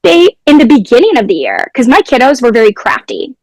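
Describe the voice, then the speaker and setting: A young woman with a fairly high voice, a former teacher, talking casually in an interview. She tells her stories in a lively way with quick asides. The sound is dry and close. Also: no room sound.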